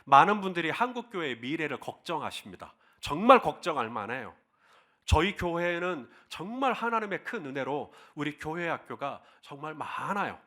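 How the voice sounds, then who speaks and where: Male pastor, sermon; high, bright, very lively delivery; leads call-and-response reading, dramatic and impassioned. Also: moderate pace. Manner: impassioned, acts out quoted cries.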